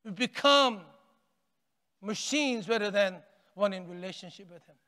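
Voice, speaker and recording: An older man preaches from the pulpit of a large sanctuary, swinging from raised, emphatic lines to near-whispered ones. His voice sits unusually high for a man and sounds smooth and resonant. A long church-hall reverb trails behind each phrase. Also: a little slow. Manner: animated preaching with wide arm gestures, rising and falling intensity; repeats and restarts phrases, drops to near-hush on key words. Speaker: pastor. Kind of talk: sermon.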